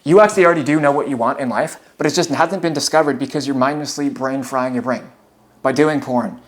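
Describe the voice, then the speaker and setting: A man's voice: medium pitch, fairly quick. A nineteen-year-old man giving a casual, rambling motivational talk, calling his viewers guys and bro and checking in with "okay?". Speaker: motivational vlogger. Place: at home near the kitchen.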